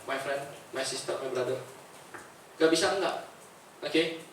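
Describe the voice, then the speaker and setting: A man giving an energetic motivational talk, often asking the audience "right, friends?" in casual slang. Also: a little high, measured pace, a little hiss or hum. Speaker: motivational speaker. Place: large echoey event hall. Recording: echoey hall, far-off mic.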